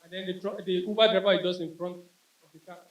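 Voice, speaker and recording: A man doing stand-up comedy on a club stage, telling a story and imitating sirens with high wails. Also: flat delivery, fast talker. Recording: roomy club sound from a distance.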